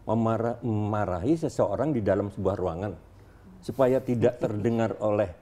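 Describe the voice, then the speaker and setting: A man who teaches acting speaks as a guest on a studio talk show. His voice is mellow and dark. He explains patiently and breaks into short acted-out examples. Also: lowish voice, moderate pace.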